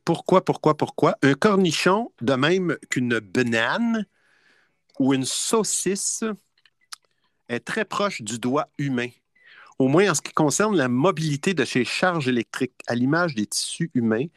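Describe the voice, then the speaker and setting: A man's voice: mid-range voice, lively intonation, measured pace, dry recording, clean studio sound. A man with a Québécois French accent hosting a casual online quiz show, playful and chatty. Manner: playful, chatty, laughs often. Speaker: quiz host.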